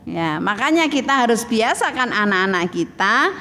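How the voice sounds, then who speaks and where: A woman giving a lively religious talk to women, often asking her listeners questions. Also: a little high, moderate pace. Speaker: religious teacher. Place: mosque hall. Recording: echoey hall with faint ambience.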